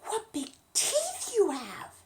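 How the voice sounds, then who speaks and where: A woman's voice: very high-pitched, slow pace, voice pushed up, exaggerated voice. A woman voicing a polite, earnest little girl in a bedtime story. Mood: wary wonder. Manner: earnest, expressive.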